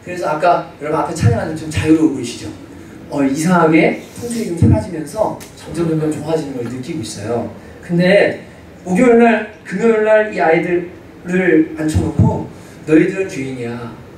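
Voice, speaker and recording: A male pastor preaching in a church, his pitch rising and falling with lively expression. He acts out scenes as he tells them. He is picked up from a distance, with heavy echo from the hall and faint background noise. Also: a little fast. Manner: animated storytelling, acting out dialogue. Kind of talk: sermon. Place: church sanctuary.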